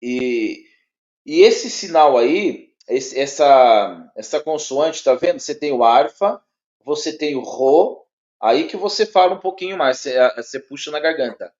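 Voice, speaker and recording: A man with a Brazilian Portuguese accent teaching a one-on-one lesson. He talks haltingly, repeats words and checks in often. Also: fairly high pitch, expressive, darkish tone. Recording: dull lo-fi sound.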